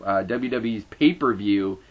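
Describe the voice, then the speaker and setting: A man's voice: lowish voice, a little slow, very noisy. A man hosting a casual sports talk show and reading trivia, playful with hyped announcer flourishes.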